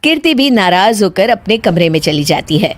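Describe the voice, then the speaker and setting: A woman narrating a cartoon story in a calm, scripted storytelling manner. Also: mid-range voice, normal speed, noisy background.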